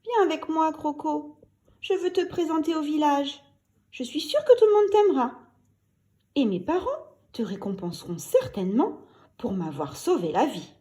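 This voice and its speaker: Brief: woman playing a small, excitable girl in a storybook, very high and shrill, swooping. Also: takes it slowly, heavily acted. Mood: cheerful.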